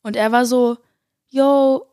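A young woman tells her viewers a story in a rush of excitement, gushing and a little breathless, with English slang dropped into her German. Her voice sits on the high side. The recording is close and dry, with no room sound. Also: fairly quick, no room sound. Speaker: singer and vlogger.

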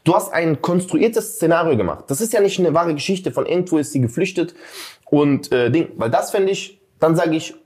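A man's voice: a little high, normal speed, a little mellow. A man co-hosting a casual podcast chat, ranting heatedly and often calling the others "Bruder". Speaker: podcast co-host.

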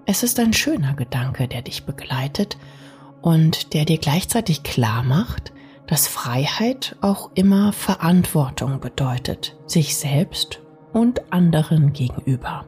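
A woman narrates a bedtime sleep story in a soft, soothing, partly whispery way, speaking intimately to the listener. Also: low voice, big pitch swings, slow pace. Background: music.

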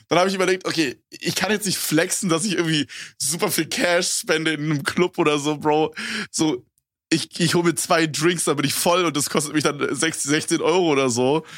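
A man's voice: a little high, fairly quick, fairly bright tone, dry recording, studio quality. A young man chatting casually on a podcast, rambling in slang with many fillers. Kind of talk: casual chat. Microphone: wireless gaming headset.

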